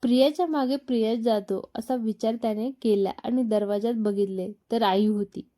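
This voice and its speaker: Mellow-voiced woman storyteller. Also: a little high. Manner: calm, measured storytelling. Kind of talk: scripted story narration.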